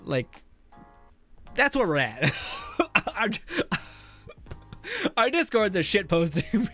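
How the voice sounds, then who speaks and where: A young man chats over his game stream in a rambling, easygoing way, laughing often as he reads out chat messages. His pitch sits a little high for a man and swings about with animation. Faint game music plays under his voice. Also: a bit bright. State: out of breath at times. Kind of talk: casual live-stream commentary.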